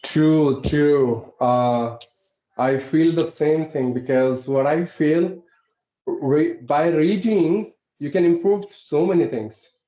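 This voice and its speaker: A man's voice: a little high, slow pace, warm tone. A man from Uttarakhand, India who hosts an English-teaching channel, explaining politely in a conversation practice call. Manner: polite, explaining, frequent "right?". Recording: echoey, dull lo-fi sound.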